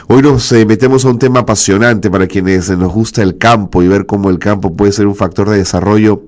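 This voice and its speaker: A man hosts a studio radio talk program with a hoarse, rough edge on his fairly low voice. He speaks formally and warmly to his listeners, filling his pauses with drawn-out "eh" sounds. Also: steady tone. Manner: formal, welcoming, with frequent "eh" fillers. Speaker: radio show host. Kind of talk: radio talk show hosting.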